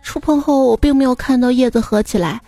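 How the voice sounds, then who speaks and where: High-voiced playful woman telling jokes. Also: fast talker, no room sound, faint music behind. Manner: playful, lively, giggling at punchlines. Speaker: storyteller. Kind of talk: joke storytelling.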